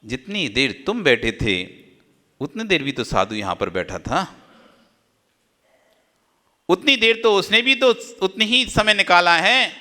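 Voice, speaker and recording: A man giving a Jain sermon, repeating phrases and swinging from loud exhortation to hushed low asides. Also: sing-song, slow pace, long pauses. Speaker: Jain monk preacher. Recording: long reverb of a hall.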